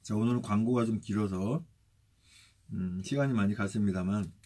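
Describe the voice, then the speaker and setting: A male pastor preaching and leading prayer, steadily reciting lists of names, with a husky voice. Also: fairly low pitch, normal speed, warm tone, slight background noise. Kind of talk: sermon and spoken prayer.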